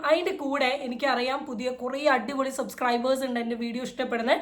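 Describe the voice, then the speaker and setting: A woman vlogger hosting her reaction channel, giving casual commentary in an energetic, sarcastic and mocking manner. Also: high voice.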